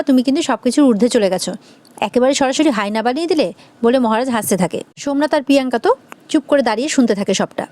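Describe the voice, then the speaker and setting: Fast-talking woman recapping a serial. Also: on the high side, darkish tone, no room sound. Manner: quick storytelling, quoting every character in turn. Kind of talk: fast episode recap narration.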